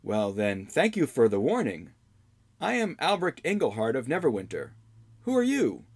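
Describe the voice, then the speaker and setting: A man's voice: medium pitch, huge pitch swings, normal speed, slightly rough, pitched above the performer's own voice, exaggerated voice. A man voicing a wounded young male bard who speaks earnestly in a raised voice.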